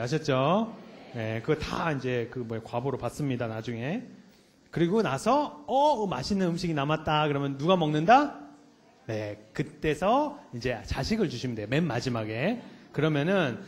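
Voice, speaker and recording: A man, a Buddhist monk, giving a playful sermon to a lay audience in a temple hall, teasing them and asking question after question. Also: on the high side. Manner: keeps quizzing the audience with rhetorical questions.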